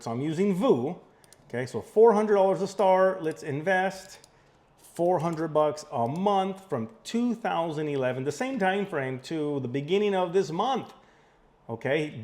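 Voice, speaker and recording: A man hosting as a financial advisor, speaking emphatically and informally, pressing points and repeating figures to be clear. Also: on the high side, darkish tone. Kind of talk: probing questioning on a call and explainer to viewers.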